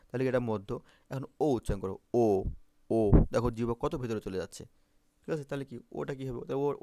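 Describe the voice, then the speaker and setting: A man's voice: medium pitch, vocal fry, a little mellow, dry recording. A man teaching Bangla phonetics for exam prep, repeating vowel sounds and often checking if students follow.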